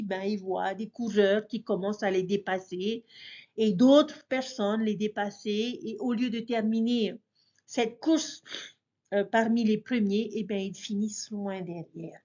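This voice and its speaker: Earnest woman leading a devotional lesson; a slightly husky voice, a dull recording. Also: medium pitch, a little slow, darkish tone. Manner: earnest, addresses listeners as brothers and sisters. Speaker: scripture study teacher.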